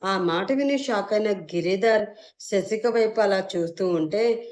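A woman narrating a dramatic audio story in an expressive, emotive way. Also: medium pitch, a little slow.

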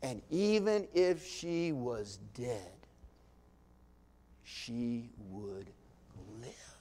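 Slow-talking, impassioned man preaching a sermon. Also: medium pitch, very animated, slight background noise. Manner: swings from hushed near-whispers to loud impassioned climaxes, drawn-out pauses; folksy, with small laughs and asides. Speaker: pastor. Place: church sanctuary.

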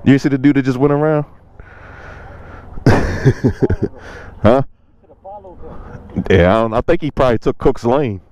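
Outdoors at a motorcycle meetup in a parking lot, a man vlogs in laid-back slang to his viewers, recorded through a helmet or body camera mic. His voice is medium-pitched and unhurried, with long pauses. Loud wind and engine noise fill the recording, and the highs are cut off.

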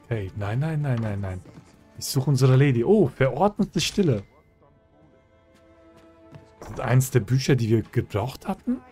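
A man's voice: mid-range voice, animated, measured pace, long pauses, warm tone, soft background music. A man hosting a let's play, chatting casually and joking, talking back to the game's characters. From German-speaking country. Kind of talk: casual gameplay commentary.

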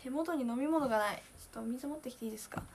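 A young woman in her twenties, chatting casually on a solo livestream, emotional and talkative, moving from loud bursts to hushed asides. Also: high voice, rapid-fire, slight background noise. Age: 20s. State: near tears at times. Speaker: idol streamer.

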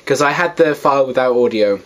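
Indoors in a small bedroom, a seventeen-year-old vlogger from Wales rambles casually to his webcam, poking fun at himself. He speaks briskly in a mid-range, fairly bright voice, with a little hiss or hum in the audio.

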